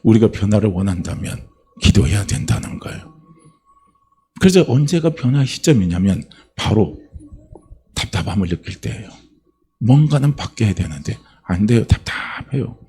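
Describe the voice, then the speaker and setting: A man preaching a sermon as pastor, asking rhetorical questions and building to passionate, high-pitched emphasis. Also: big pitch swings, normal speed, warm tone, slightly rough.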